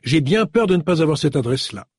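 A man's voice: on the high side, very animated, fast, slightly rough, dry recording, clean studio sound, pitched above the performer's own voice. Madame Oliver, a man voicing a flustered older lady novelist. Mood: exasperated. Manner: fussy, impatient exclamations. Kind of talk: audiobook character voice.

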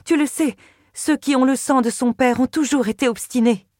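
Woman reads a deferential, pleading queen, pitched higher than the narration, dry close read. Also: normal speed, a little mellow, dry recording, natural voice. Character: prostrate, pleading mother, queen.

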